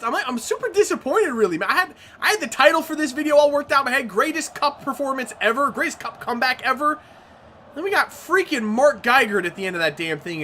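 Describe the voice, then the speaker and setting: Woman gaming commentator, lively swooping voice, bright tone, swears, shouts at goals, faint music behind. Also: a little high. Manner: excitable, swearing, shouts at big plays. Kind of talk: video game commentary.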